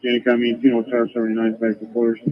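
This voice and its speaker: A man's voice: mid-range voice, monotone, very fast. A man speaking over a police radio in clipped radio codes. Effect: police radio transmission. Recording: tinny radio with faint noise.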